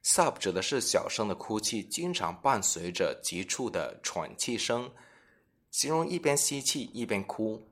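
A man teaching English expressions in a scripted bilingual lesson, reading each example sentence slowly and deliberately. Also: fairly low pitch, big pitch swings, a bit bright.

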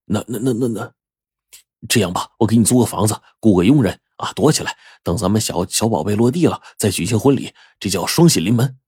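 A man's voice: lowish voice, lively intonation, a little fast, darkish tone, slightly rough, no room sound, clean studio sound. A man voicing a middle-aged male factory director who talks in a coaxing, insistent way. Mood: evasive.

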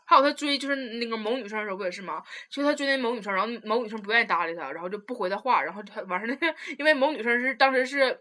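Fast-talking young woman. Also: on the high side. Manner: animated storyteller, laughs often. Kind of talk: casual chat, gossiping.

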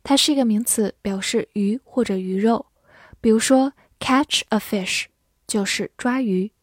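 Slow, dry-voiced woman teaching English words. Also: a little high, dry recording. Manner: spells words letter by letter and reads example sentences slowly. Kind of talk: vocabulary lesson.

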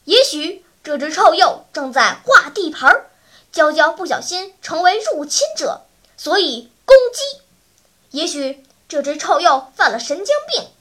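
An eager know-it-all storybook boy, as a woman reader puts him on, rattling off guesses in quick, insistent bursts with a lively, climbing voice. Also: high-pitched, full character voice.

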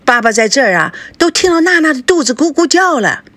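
A woman's voice: high-pitched, big pitch swings, fairly quick, fairly bright tone, no room sound, voice pushed up. A woman voicing a doting middle-aged father who coaxes his daughter in a sing-song way and grumbles about her boyfriend. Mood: coaxing.

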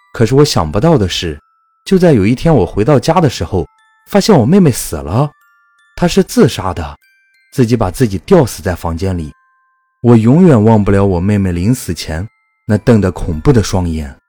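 A man narrating a first-person ghost story in a measured, calm storytelling manner. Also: lowish voice, no echo.

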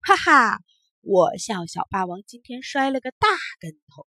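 A woman's voice: fairly high pitch, big pitch swings, measured pace, no room sound, studio quality. A woman voicing a mocking magical roly-poly toy in a storybook. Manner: mocking, laughing.

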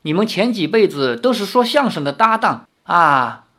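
A man lifting his voice into a sweet, gentle sixteen-year-old girl from a storybook. She speaks softly and coaxingly, high and lilting, always trying to smooth things over. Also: big pitch swings, normal speed, full character voice. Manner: soft, coaxing, gently pleading.

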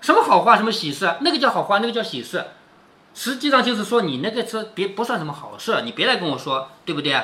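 This book reader and commentator speaks fast in a high, pushed, bright voice with big swings in pitch. He reads a classic novel aloud and talks it through casually, constantly asking the listener "right?"

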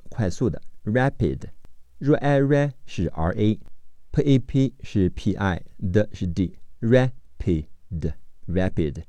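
Guy slowly drilling english words, deep mellow voice, spells out every sound. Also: dry recording. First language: Chinese. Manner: slow, deliberate spelling-out of word sounds. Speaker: English teacher. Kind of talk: vocabulary phonics lesson.

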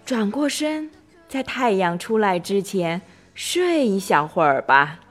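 A woman doing a patient, sleepy storybook friend, slow, gentle, soothing, faint music behind. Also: medium pitch. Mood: sleepy calm. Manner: calm, soothing, yawning.

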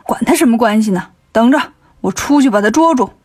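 A woman doing a gruff, scheming demon king. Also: a little high, animated, fairly quick, a little mellow, dry recording, studio quality. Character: boastful male demon king.

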